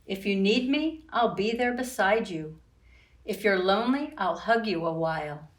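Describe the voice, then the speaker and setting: In a storytime read-aloud full of sing-song rhymes, a woman talks directly to young children, librarian-style, in an expressive, unhurried manner. Her voice is mid-range, and the recording echoes, captured from far off the mic.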